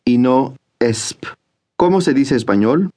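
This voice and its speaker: Guy narrating a language lesson, calm clear instructions, middle pitch. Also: moderate pace.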